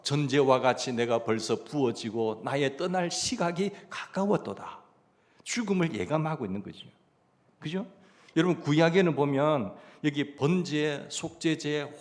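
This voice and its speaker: A middle-aged male pastor preaching a Sunday sermon in a church. He tells stories and asks the congregation questions. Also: on the high side. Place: church sanctuary.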